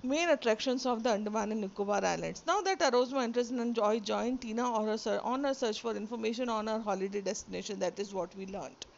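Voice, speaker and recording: This woman speaks fast with few pauses, in a fairly high, gravelly voice, and the highs are cut off by her phone or screen-recorder mic. She is a teacher from a Sindhi-speaking background with an Indian English accent. After reading a textbook story aloud, she explains it line by line and slips into Hindi.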